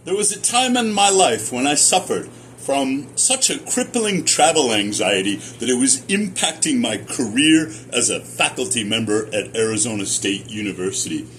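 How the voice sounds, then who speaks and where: American man, animated and emphatic storyteller. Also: medium pitch, slight background noise. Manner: deliberate, emphatic storytelling with short repeated phrases. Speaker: speaker sharing personal experience, former academic researcher. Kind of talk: personal testimonial monologue.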